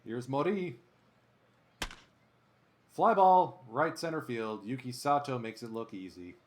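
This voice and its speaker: A man's voice: mid-range voice, normal speed, a little hiss or hum. A man streaming a baseball video game, calling each play like a sportscaster and chatting with his viewers between plays. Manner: animated sportscaster-style calls. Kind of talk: play-by-play commentary while gaming.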